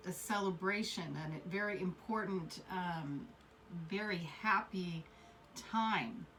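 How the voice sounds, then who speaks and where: A woman's voice: on the low side, slow, fairly bright tone, recorded from a distance, slight background noise. Rambling woman reading tarot cards. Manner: rambling, repeats words, many fillers. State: coughing fits. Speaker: tarot reader. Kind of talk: casual tarot reading to camera.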